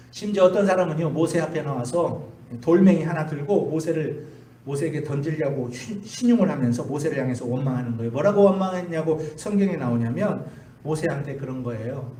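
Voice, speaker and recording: A man's voice: fairly high pitch, warm tone, a little hiss or hum. A male pastor preaching a sermon in a church, often asking the congregation questions and repeating key phrases. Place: church sanctuary. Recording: echoey church from a distance.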